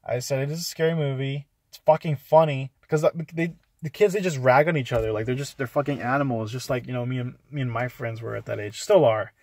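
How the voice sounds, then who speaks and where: A man's voice: medium pitch, a little fast, hardly any pauses, no room sound. A young man talking casually in a vlog, reviewing a movie and ranting in a rambling, profane way, full of fillers. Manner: rambling, profane, animated storytelling with lots of "like".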